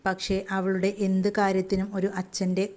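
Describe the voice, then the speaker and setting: A woman's voice: medium pitch, completely flat delivery, normal speed, a little mellow, lightly acted. A woman voicing a remorseful, ashamed man who speaks in a subdued, pleading way.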